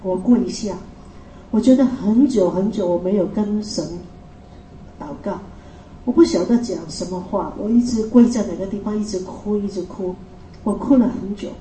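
A woman giving a halting, emotional personal faith testimony, with frequent restarts. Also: medium pitch, mellow. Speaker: testimony speaker. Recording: echoey room, mic far off, faint hiss.

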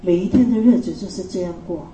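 A woman's voice: fairly low pitch, warm tone. Woman telling her own faith story, hesitant and heartfelt; distant, roomy recording with faint hiss. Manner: halting and emotional, with restarts. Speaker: testimony speaker. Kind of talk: personal faith testimony. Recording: echoey room, mic far off, faint hiss.

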